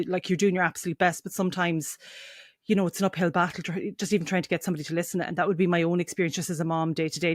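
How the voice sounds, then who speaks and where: A woman's voice: lowish voice, no room sound, studio quality. A woman with a west of Ireland Mayo accent interviewing conversationally, earnest and rambling as she rephrases mid-sentence. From County Mayo, Ireland. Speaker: interviewer, host.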